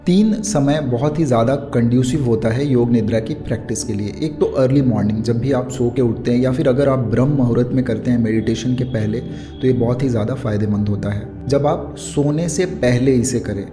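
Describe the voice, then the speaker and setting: A man with an Indian accent giving an explanatory meditation lesson in a soothing, unhurried yoga-teacher manner. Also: mid-range voice. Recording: clear music bed under the voice. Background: music.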